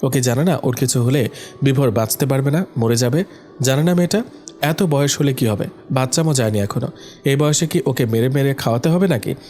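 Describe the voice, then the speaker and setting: A man's voice: mid-range voice, a little fast, a little mellow. Man narrating a romantic audio story. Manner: reads all the characters himself with small voice shifts.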